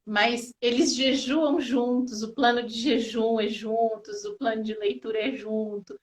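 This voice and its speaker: Mom, 40s, high pitch, warm lively storyteller who laughs a lot. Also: female voice, unhurried. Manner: lively storyteller, laughs often, voice rising with emotion. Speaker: mother and guest. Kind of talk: casual testimony in an interview.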